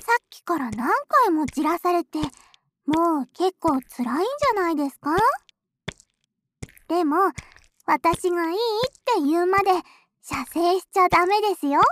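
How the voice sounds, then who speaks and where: A woman's voice: very high voice, lively intonation, moderate pace, fairly bright tone, slight background noise. A woman voicing a playful, teasing young woman in an audio role-play, coaxing the listener in polite speech. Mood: gentle teasing.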